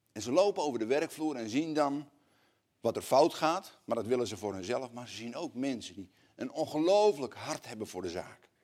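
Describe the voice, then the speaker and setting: Dutch-speaking preacher, hushed to fervent. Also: male voice, medium pitch. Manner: swings from hushed, slow passages to loud, rising appeals. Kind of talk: sermon.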